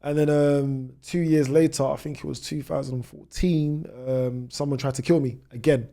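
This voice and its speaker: This fairly high, mellow male voice keeps a steady tone at normal speed. It belongs to a British travel vlogger in his thirties, a podcast guest recounting his own story conversationally and often dropping in "you know."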